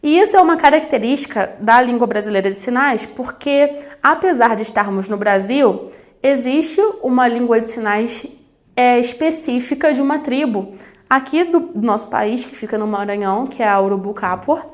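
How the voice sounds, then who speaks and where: A woman's voice: on the high side, expressive, normal speed. A woman from Brazil teaching a recorded video lesson on sign language, explaining directly to the camera and addressing her students. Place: studio with plain backdrop. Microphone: camera-facing studio recording.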